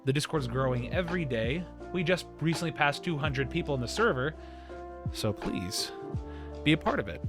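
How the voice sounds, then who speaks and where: A man's voice: a little high, lively intonation, normal speed, music in the background. A man hosting a livestream, chatting casually in a rambling, self-interrupting way. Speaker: stream show host.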